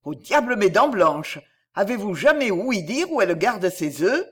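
A plucky young male mongoose gives orders crisply, brave and determined, as a woman puts him on. His voice stays close to an ordinary speaking tone but lively in its rise and fall. It is a storybook hero, quick to act. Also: medium pitch. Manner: brisk and determined.

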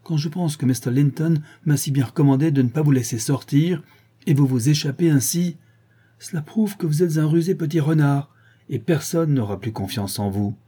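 A man's voice: fairly low pitch, animated, moderate pace, hardly any pauses, dark tone, husky. A man reading aloud and voicing a stern middle-aged housekeeper who scolds a runaway girl sharply. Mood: scolding.

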